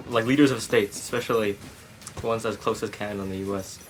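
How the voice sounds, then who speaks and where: A man's voice: on the low side, steady tone, fast, soft background music. A man asking long, rambling questions full of fillers in a casual chat. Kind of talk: casual group chat about dreams.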